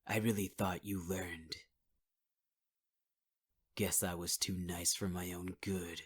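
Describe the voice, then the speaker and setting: Angry and taunting, a man half-whispers close to the mic as a possessive male villain in an ASMR roleplay, calling the listener sweetheart. The voice is low-pitched with little pitch movement and a slow pace, over slight background noise.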